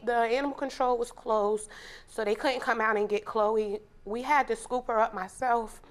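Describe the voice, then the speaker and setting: Woman giving animated courtroom testimony. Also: a little high, normal speed. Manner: vivid, animated retelling. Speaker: plaintiff on a TV court show. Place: TV courtroom set.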